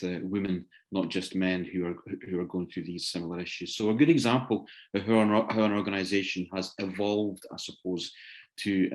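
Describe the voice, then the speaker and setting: Heard on a rough recording, a low-pitched man hosts an online video seminar and gives informal closing remarks to attendees. He speaks hesitantly, repeating words often as he works out his phrasing.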